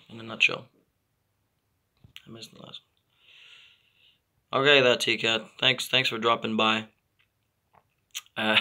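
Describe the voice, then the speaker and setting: A man in his thirties from Israel, hosting a casual live stream and answering viewer comments with halting, repetitive phrasing and many fillers. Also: lowish voice, vocal fry, sharp tone. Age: 30s. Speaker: channel host.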